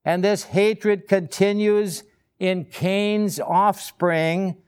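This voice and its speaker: A man preaching a sermon, slow and deliberate, with emphatic rhetorical questions. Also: high-pitched, steady tone, darkish tone, clear, resonant tone.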